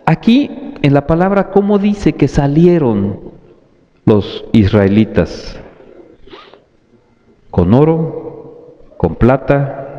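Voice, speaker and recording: A man preaching at an unhurried, measured pace, drawing out his words as he appeals to his congregation. His voice trails off into the long reverb of a church hall. The recording is dull and lo-fi. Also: medium pitch, warm tone. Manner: slow, deliberate preaching, calling out to the brethren. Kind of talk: sermon.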